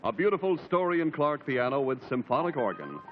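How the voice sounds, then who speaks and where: A man's voice: mid-range voice, very animated, fairly quick. A man announcing a prize in scripted style on a 1950s television game show. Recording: dull 1950s broadcast, loud music behind. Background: loud music.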